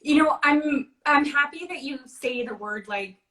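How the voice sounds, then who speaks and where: A woman from Trinidad and Tobago, a university recruitment manager, answering interview questions in a friendly, measured way with frequent fillers. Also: sits high, pushed and bright, low-quality recording. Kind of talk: livestream interview.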